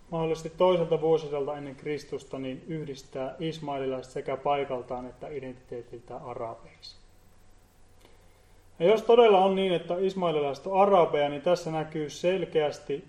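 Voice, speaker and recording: A man giving an earnest Bible teaching, often pausing and repeating words as he explains. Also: on the high side, mellow, reverberant. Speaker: preacher.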